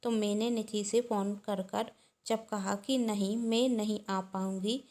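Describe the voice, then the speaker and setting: A woman's voice: medium pitch, steady tone, unhurried, a little mellow, close to an everyday voice. A woman voicing a scheming young daughter-in-law who speaks sweetly but falsely, in a family storybook reading. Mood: complaining.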